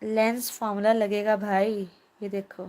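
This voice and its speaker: A woman's voice: mid-range voice, level tone, measured pace, darkish tone. A young woman teacher holding a live online class from her phone, reading students' chat comments aloud and answering them in a chatty, teasing way.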